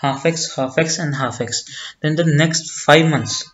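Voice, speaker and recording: A man with an Indian accent and a slightly high voice works through a problem as a teacher. He speaks very slowly and deliberately, repeating his phrases. The recording sounds dull and lo-fi. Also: fairly bright tone. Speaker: accounting teacher. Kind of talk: step-by-step exam problem walkthrough.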